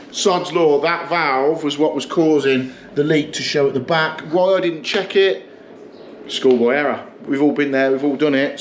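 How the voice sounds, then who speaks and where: A man's voice: a little high, slight background noise. A man, a plumber chatting and explaining as he works, a little self-mocking. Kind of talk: work vlog narration. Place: living room in a house, indoors.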